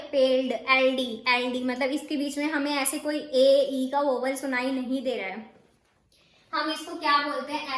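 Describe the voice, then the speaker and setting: A woman's voice: high-pitched, fairly bright tone. A woman steno teacher explaining shorthand rules casually, often asking rhetorical questions before answering them. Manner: repeats rhetorical questions to students. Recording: echoey room.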